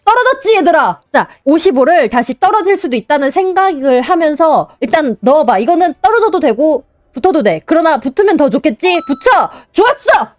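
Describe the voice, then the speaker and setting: A young woman streaming a game, commentating excitedly, cheering herself on and mock-calming herself. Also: high voice, a little fast, hardly any pauses, dry recording. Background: game music.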